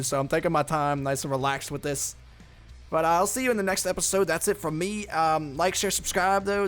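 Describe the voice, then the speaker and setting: A young man giving casual commentary over a football video game, thinking aloud and rambling with many fillers. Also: fairly high pitch. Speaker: gaming YouTuber.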